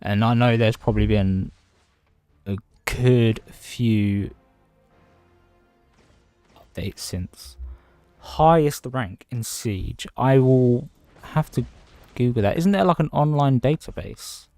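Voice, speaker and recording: A man's voice: mid-range voice, expressive, takes it slowly, dark tone, no room sound, soft background music. A man casually chatting on a livestream from home, rambling between topics and greeting viewers by name. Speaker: livestreaming gamer.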